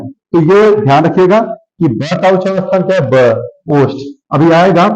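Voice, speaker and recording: A man's voice: fairly high pitch, darkish tone, lo-fi sound. A man teaching a classroom lesson, sounding out letters one at a time and asking questions he answers himself. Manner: slow, repeats sounds one by one and asks then answers.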